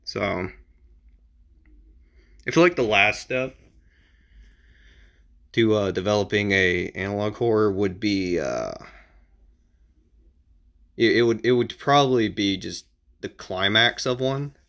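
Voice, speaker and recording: An amateur video creator offers casual advice, explaining things informally in a halting, repetitive way. His voice is on the low side, gravelly and a bit bright.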